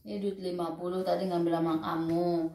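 A woman's voice: on the low side, level tone, a little fast, warm tone, roomy sound. A woman chatting casually with her husband at home, plain-spoken and complaining. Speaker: wife in a family vlog. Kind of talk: casual family banter.

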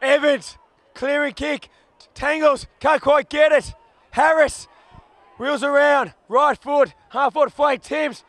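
Aussie footy caller guy, really high voice, dry close sound, yells names when it gets big. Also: slow pace, no room sound. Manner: excitable, shouts player names at big moments; clipped bursts of names and actions. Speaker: football commentator. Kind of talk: live play-by-play commentary. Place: commentary box at an outdoor ground.

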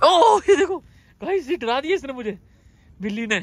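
A young man filming a casual family travel vlog on a handheld phone, excitedly talking to viewers outdoors and from a car in heavy rain. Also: very high-pitched, moderate pace, no room sound. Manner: excitable, keeps addressing viewers as guys. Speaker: vlogger.

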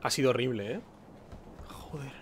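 A young man commenting on his game playthrough, shouting at the screen and reading game text aloud. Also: medium pitch, normal speed, a little hiss or hum. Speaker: gaming streamer. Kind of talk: let's play commentary.

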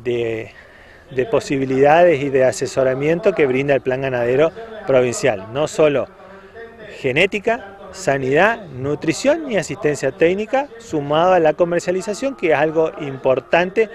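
A man's voice: a little high, expressive, normal speed. A man in his forties with an Argentine accent, speaking as an official in a semi-formal news interview outdoors into a handheld microphone. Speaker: provincial livestock official being interviewed. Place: outdoors in a grassy parking area at a cattle auction ground. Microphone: handheld reporter's microphone at chest height.

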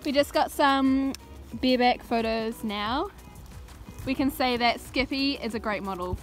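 Her voice is a little high and a little slow, with soft music behind it. She's a teenage New Zealander vlogging casually and giggling on a phone held out at arm's length, first indoors at home, then at the stable and paddock.

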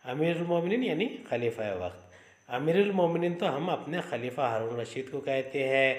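A man's voice: mid-range voice, animated, moderate pace. A man teaching a school lesson, reading out a play's stage directions and stopping to explain its words. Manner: explanatory, stops to gloss words. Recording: roomy echo.

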